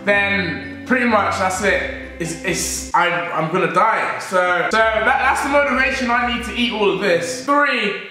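A man's voice: sits high, a little slow, pushed and bright. A young man talking casually to camera as a food challenge vlogger. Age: young adult. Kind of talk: casual vlog talk to camera. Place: home kitchen, indoors. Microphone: camera a few feet away. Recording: echoey room, distant camera mic, music behind.

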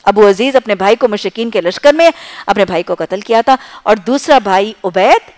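A woman preacher giving an impassioned sermon, building rhythmic lists of short phrases and dropping to soft, low asides. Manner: swings between loud emphasis and soft low asides. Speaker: Islamic preacher.

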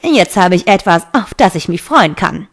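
A woman's voice: lowish voice, animated, moderate pace. A woman reading the lines of a mocking male fallen angel in a fantasy audiobook.

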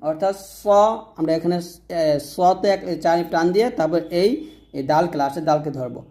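A woman with a Bangladeshi Bengali accent teaching Arabic letter pronunciation, patiently repeating each sound slowly. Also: deep voice, mellow. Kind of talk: explaining letter by letter.

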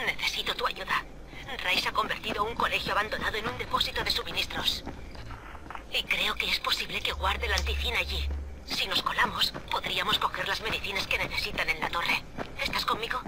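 An actress voicing a young woman survivor in a game dub, speaking briskly and urgently over a helmet radio. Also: mid-range voice, heavy background noise. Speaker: game character calling in by radio. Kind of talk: Spanish game dub acting.

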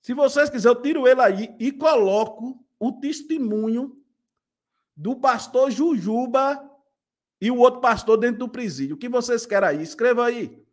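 High-voiced man chatting on a live stream. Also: normal speed. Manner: chatty, repetitive, ends lines with "né?" and "viu?". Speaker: pastor and channel host commenting. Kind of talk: casual live-stream commentary.

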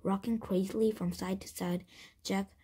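A woman reading a children's chapter book aloud, in a soft, half-whispered manner that stumbles and restarts. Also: medium pitch, fairly even intonation, normal speed, husky. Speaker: reader.

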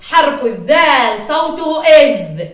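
A woman with a Jordanian Arabic accent teaching a first-grade phonics lesson, sounding out letters slowly and drawing them out. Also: high voice, very animated, echoey room. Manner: slow, drawn-out sounding of letters, sings short chants. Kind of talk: children's phonics lesson with sung chants.

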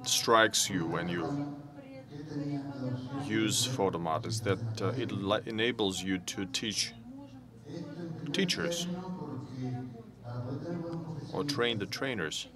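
A man giving a conference presentation, speaking slowly and haltingly with many pauses. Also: fairly low pitch, expressive, over a noisy crowd.

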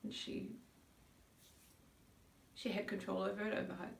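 A woman's voice: mid-range voice, little pitch movement, creaky. A middle-aged woman playing a grieving, bewildered mother in a dramatic monologue, a searching soliloquy that halts and gropes for words. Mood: subdued, searching. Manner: searching soliloquy, halting with long pauses, groping for words. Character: grieving mother recalling her daughter's decline, subdued and bewildered. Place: indoor room before a curtain, recorded from a few feet. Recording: roomy echo, distant microphone.

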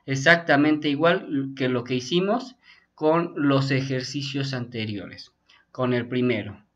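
A man's voice: mid-range voice, slow pace, fairly bright tone. A male teacher, patiently walking young students through a textbook in an online class and often checking in with "ok?". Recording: dull lo-fi sound.

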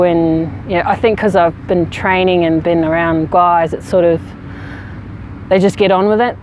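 A woman in her thirties from New Zealand, a rugby player answering interview questions outdoors in a frank, relaxed way with many fillers. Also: lowish voice, slight background noise. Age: 30s. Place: outdoors on a sports field. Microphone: camera at medium distance.

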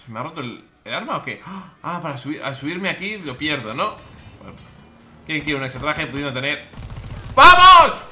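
Fairly quick and on the high side, this man from Spain narrates a let's play for his gaming channel. His commentary is excitable and full of exclamations, and he tends to say things twice.

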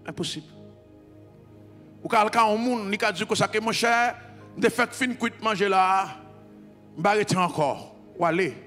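A man with a Haitian accent preaching a sermon as pastor, mixing Creole into French and calling on the congregation to repeat after him until he is shouting. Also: sits high, measured pace, pauses often, in a large hall, faint music behind. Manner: mixes Creole into French, call-and-response, builds to shouting.

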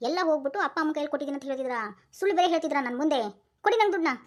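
A woman's voice: high voice, rapid-fire. Bossy young wife, as a woman acts her. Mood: scolding. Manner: scolding, then wheedling with pet names. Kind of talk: comic sketch acting.

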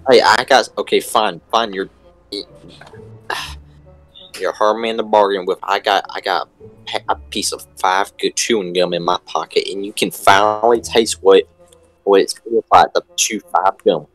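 A man's voice: lowish voice, fairly even intonation, normal speed, fairly bright tone, faint music behind, natural voice, rough recording. A man playing a rowdy, goofy redneck, scheming and childlike, in an improvised video game role-play. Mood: bargaining.

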